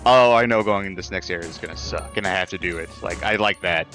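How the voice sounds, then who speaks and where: A man's voice: deep voice, fast, over music. A man co-hosting a podcast who chats casually over gameplay, rambling with lots of fillers and the odd casual swear. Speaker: podcast co-host.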